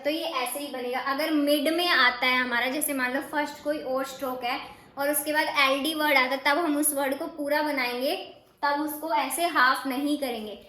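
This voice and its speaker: A woman's voice: high-pitched, pushed and bright. A woman steno teacher explaining shorthand rules casually, often asking rhetorical questions before answering them. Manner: repeats rhetorical questions to students. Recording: echoey room.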